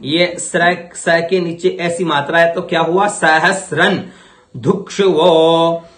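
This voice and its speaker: A man's voice: a little high, steady tone, a bit bright, reverberant. A man teaching Vedic ritual, chanting mantras syllable by syllable for his students to copy, then explaining them. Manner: chants mantras slowly, then explains quickly in plain talk. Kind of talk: slow syllable-by-syllable mantra recitation lesson.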